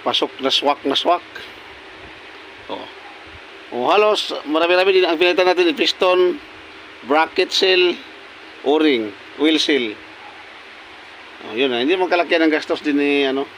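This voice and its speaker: A man's voice: fairly high pitch, moderate pace, pauses often, fairly bright tone, slight background noise, low-quality recording. A repair technician talking casually through fixing a pressure washer pump at his workbench, pointing out parts in short remarks. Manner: talks while working, many short pointing remarks. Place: workshop bench.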